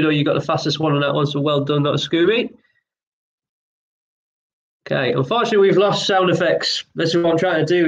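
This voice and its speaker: A man hosting an online pub quiz, reading each question twice and chatting between rounds in a relaxed, apologetic way. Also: a little high, highs cut off. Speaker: quiz host.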